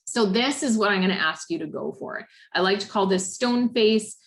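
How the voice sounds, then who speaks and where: A woman's voice: medium pitch, moderate pace. A woman with a Canadian accent presenting a recorded parenting workshop over slides, explaining in a friendly way with frequent "um" and "right?".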